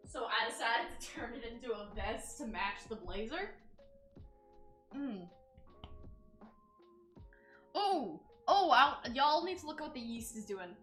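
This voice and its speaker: A woman from North Carolina with a Southern accent she plays up, chatting casually on a live stream as she cooks in her kitchen, thinking out loud and answering viewers. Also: fairly high pitch, animated, normal speed, soft background music. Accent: Southern US, exaggerated for a viewer redeem. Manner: chatty, answers chat and thanks followers, thinks aloud while working. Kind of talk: casual live-stream chat while cooking. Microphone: wearing headphones.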